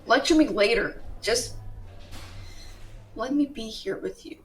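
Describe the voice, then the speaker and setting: A woman with a voice on the high side speaks a little slowly, far from the mic, with slight background noise and a natural sound. In an intimate, emotional roleplay audio addressed in the second person, she plays a fiercely protective tsundere girlfriend, blunt in her affection and tender and vulnerable in mood.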